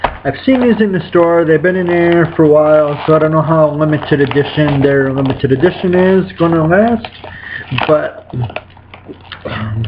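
A man's voice: on the high side, unhurried, noisy background. A man in his thirties chatting casually while reviewing snacks at home, rambling and correcting himself, recorded on a webcam indoors. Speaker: food reviewer. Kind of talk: casual food review vlog. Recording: dull lo-fi webcam audio.

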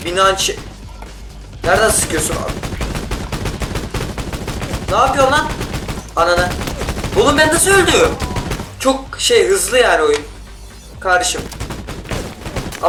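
A man giving casual gameplay commentary, excitable and yelling in bursts during fights, talking to the other players. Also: high-pitched, far from the mic. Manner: talks to other players and teammates. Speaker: gaming YouTuber. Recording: roomy sound, off-mic, loud game music. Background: game music and gunfire.

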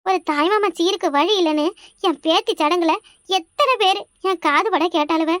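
A woman's voice: extremely high pitch, fairly bright tone, no echo, clean studio sound. A woman doing a scolding old mother-in-law. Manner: scolding, rapid-fire rhetorical questions. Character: aged village mother-in-law, sharp-tongued and proud. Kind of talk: cartoon voice acting.

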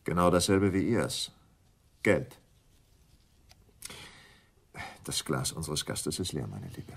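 In a German radio crime drama, a male actor voices a smooth, scheming English stockbroker, speaking deliberately and condescendingly. His very deep voice is sing-song and exaggerated. The mood is smug and businesslike.

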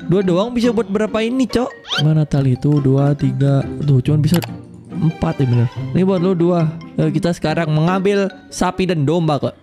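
A young man with giving loud, swearing, jumpy Minecraft commentary and teasing his co-player. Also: fairly high pitch, normal speed, music in the background. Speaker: gaming YouTuber. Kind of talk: excited casual Minecraft commentary.

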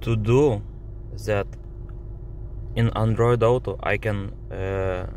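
Sitting in a parked car, a native Lithuanian speaker with a Lithuanian accent shows his phone and dashboard screen while complaining about voice input in a casual video. He sounds frustrated, speaking halting English full of fillers. His voice is lowish, steady and a little mellow, with slight background noise.

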